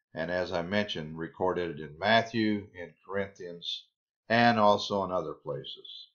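A man giving a Bible study sermon, reading scripture aloud and then explaining it in a deliberate way. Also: deep voice, a bit bright. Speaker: Bible teacher. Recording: slightly dull lo-fi recording.

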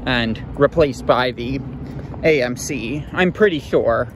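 A man with a mid-range voice explores the deserted grounds and loading docks of a mall, offering slow, casual commentary and murmuring in amazement as he walks. He's an urban explorer vlogger filming on a handheld phone, and the background is noisy.

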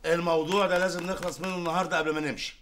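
A man's voice: a little high, flat delivery, racing, a bit bright, soft background music, natural voice. An actor playing a busy middle-aged Egyptian company boss and family man in a TV drama. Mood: exasperated. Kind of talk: naturalistic TV drama acting. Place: office, indoors.

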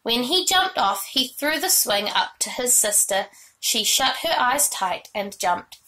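A woman reading a children's book aloud with expressive storytelling. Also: fairly high pitch, unhurried, a little hiss or hum, poor audio. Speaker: reader.

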